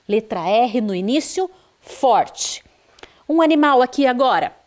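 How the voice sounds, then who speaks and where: A woman's voice: a little high, lively intonation, unhurried, a little mellow. A Brazilian woman teaching a primary school video lesson, drawing out words and stressing their sounds for young children. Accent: Brazilian Portuguese.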